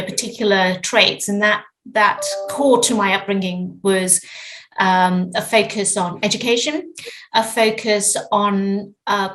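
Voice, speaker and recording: A middle-aged woman from Zimbabwe, a lawyer giving thoughtful, measured answers as a podcast guest, often restarting her phrases. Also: mid-range voice, fairly bright tone, low-quality recording. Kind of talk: reflective interview answers.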